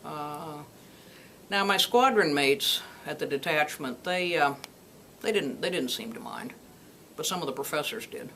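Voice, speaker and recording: Lively storytelling woman in her sixties. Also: deep voice, a little slow, a little hiss or hum. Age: 60s. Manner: lively, acts out dialogue, laughs often. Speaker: retired Air Force colonel, veteran. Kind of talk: personal storytelling interview.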